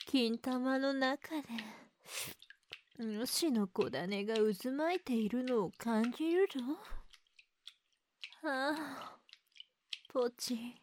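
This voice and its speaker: A woman voicing a teasing, dominant woman with old-fashioned archaic speech, whispering slowly and playfully close to the mic in an ASMR roleplay. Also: sits high, a little hiss or hum. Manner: mocking, slow, playful.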